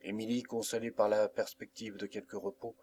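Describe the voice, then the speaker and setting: A man narrating a classic novel as an audiobook, in a measured, even reading. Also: on the low side, a little hiss or hum.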